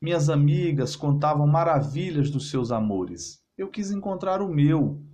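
A man voicing an unfaithful wife, cold and quiet, answering with calm firmness. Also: on the high side, measured pace. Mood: resigned. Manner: quiet, firm, resigned.

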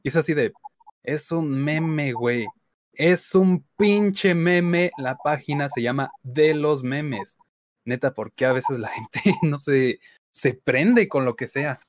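A man co-hosting a casual movie chat, relaxed and slangy. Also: a little high, slow pace. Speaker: podcast co-host.

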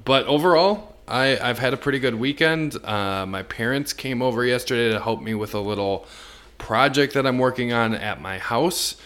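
A man's voice: medium pitch, moderate pace, fairly bright tone. An American man co-hosting a podcast, chatting casually about sports. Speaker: podcast co-host.

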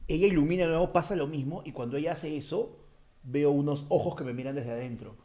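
A man's voice: on the high side, fast, mellow. A man with a Peruvian accent telling a story in casual chat, acting out his own screams and quoted lines. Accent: Peruvian Spanish.

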